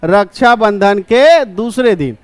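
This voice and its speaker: A male coaching class teacher, giving an exam-prep lecture. He asks a question, answers it himself, and repeats key terms slowly. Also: sits high, lively intonation, clear, resonant tone, no echo.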